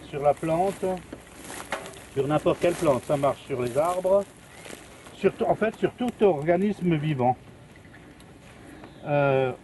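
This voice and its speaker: A man's voice: medium pitch, darkish tone, slight background noise. An older man, a retired music teacher, patiently explaining a plant music demonstration outdoors in a garden.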